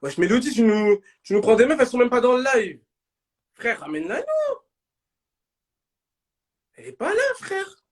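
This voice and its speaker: A young man hosting a live stream in casual banter, slangy and bursting into shouts. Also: very high-pitched, huge pitch swings, normal speed, long pauses.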